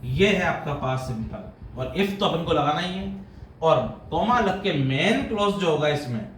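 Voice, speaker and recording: Indian guy teaching grammar, kinda high voice, asks students questions as he goes, echoey room. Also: lively intonation, a little slow, fairly bright tone. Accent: Indian English. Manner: explains step by step, quizzes students with questions, calls them "beta". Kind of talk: classroom grammar lesson. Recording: echoey room with light background noise.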